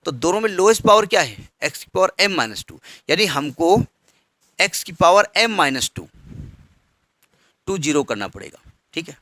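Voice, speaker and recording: A man's voice: on the high side, very animated, unhurried, long pauses, pushed and bright, no echo. A man teaching a maths lesson step by step, patiently asking students questions as he works. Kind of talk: blackboard maths lecture.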